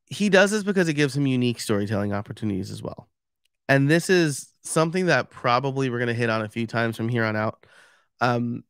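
A man's voice: mid-range voice, a bit bright, clear, resonant tone, dry recording, studio quality. A man with a New York accent giving a casual, chatty livestream talk and explaining step by step with many fillers. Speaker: podcast expert giving a live stream talk.

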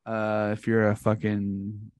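A man in his twenties hosting a podcast, telling stories in casual chat with lots of swearing and animated delivery. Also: lowish voice, takes it slowly, no room sound. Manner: profane, animated storytelling. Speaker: podcast host.

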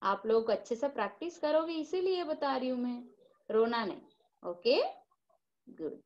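Indian woman teacher on a video call, high voice, slow patient dictation, dull lo-fi audio. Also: animated, a little mellow. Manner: coaxing, slow dictation mixing Hindi and English. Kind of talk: online class for young children.

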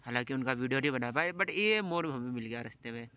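A man's voice: medium pitch, fast. A young man vlogging from a motorbike on country roads, chatting casually, joking with friends and breaking into bits of song. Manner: excited, joking banter, singing snatches while riding. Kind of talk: casual chat.

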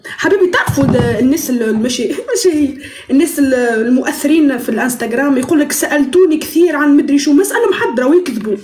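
A woman's voice: sits high, lively intonation, racing, darkish tone, echoey room, a little hiss or hum. A woman with a Tunisian accent chatting playfully on a live stream while baking, teasing and slipping into broken English.

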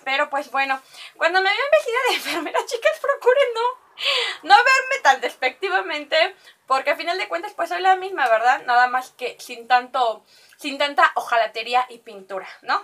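A woman's voice: high voice, bright, forceful tone. A woman with a Mexican accent chatting through a makeup shopping haul, rambling and talking straight to her viewers. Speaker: beauty vlogger. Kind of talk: casual shopping haul vlog.

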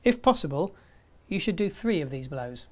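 A man in his fifties presenting a scripted tutorial in a measured, step-by-step way. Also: on the high side, sing-song. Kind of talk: scripted instructional narration.

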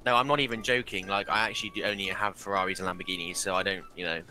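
A man's voice: low voice, steady tone, very fast, sharp tone. A man bantering brashly over game voice chat, teasing and boasting in character as a wealthy player. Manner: brash, teasing, mock-posh.

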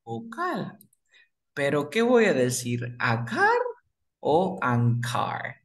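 A man's voice: fairly high pitch, wildly swooping pitch, creaky. A man whose first language is Spanish, teaching English grammar to beginners and repeating words as he quizzes the listener. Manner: repeats words slowly, asks and answers his own questions.

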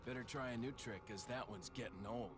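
A man's voice: medium pitch, normal speed, lightly acted. An actor playing a young male action hero in a video game cutscene, with wry, laid-back banter. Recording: noisy game cutscene audio.

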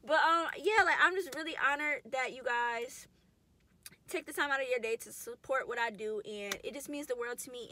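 A woman's voice: fairly high pitch, sharp tone, a little hiss or hum. A woman in her mid twenties talking casually to camera in a vlog, chatty, slangy and emotional. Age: 20s. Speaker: vlogger. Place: in a car.

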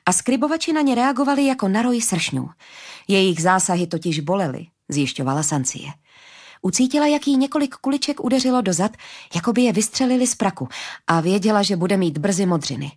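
A woman narrating a fantasy audiobook in a steady, even storytelling manner. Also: medium pitch.

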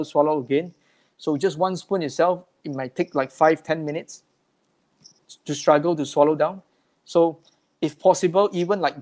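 Slightly high-voiced male speech therapist. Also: a little mellow. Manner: plain explanatory, often repeating words. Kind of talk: slide-based health talk.

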